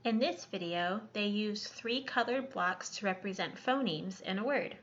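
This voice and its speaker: A woman reading scripted voice-over narration in a clear, instructive tone. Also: medium pitch, normal speed, a bit bright. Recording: slightly dull lo-fi recording.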